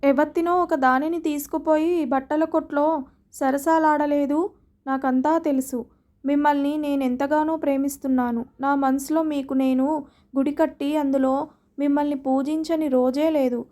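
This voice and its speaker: Storybook wife, jealous and accusing, high and flat as a woman reads her. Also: moderate pace, natural voice. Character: young wife, jealous and hurt. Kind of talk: storybook reading.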